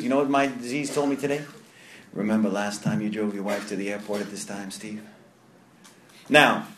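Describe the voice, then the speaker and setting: A recovery meeting speaker, a man in his thirties with a New York accent, talks at a medium pitch in a room full of echo. His testimony is earnest and personal, marked by frequent repeated and restarted phrases.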